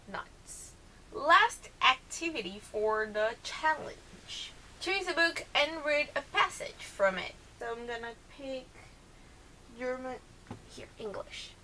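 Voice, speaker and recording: A woman's voice: a little high, bright, forceful tone, slight background noise, low-quality recording. A woman with a Brazilian accent, a native Portuguese speaker, chatting casually through questions she reads out and answers, with hesitant self-corrections and rambling asides.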